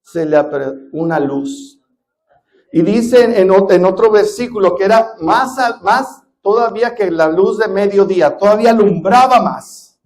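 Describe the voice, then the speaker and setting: A man preaching a sermon as pastor in a church, swinging between loud stresses and hushed drops and asking the congregation questions. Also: high-pitched, measured pace.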